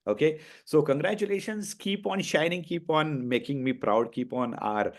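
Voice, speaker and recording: A man's voice: a little high, normal speed. A man with an Indian accent hosting a motivational coaching session, making points emphatically, repeating them and checking in with his listeners.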